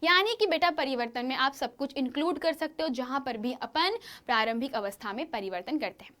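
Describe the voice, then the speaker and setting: A woman teaching a science lesson to schoolchildren, with a lively, questioning manner, often asking the class to answer. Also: high voice, fairly quick. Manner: lively, questioning, addresses pupils as children.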